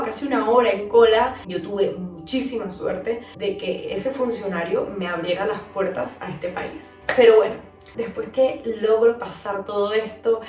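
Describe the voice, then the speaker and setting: A young adult woman from Venezuela, telling a personal story in a chatty, animated vlog. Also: medium pitch. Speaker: vlogger telling her story. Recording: echoey room, mic at a distance, soft music.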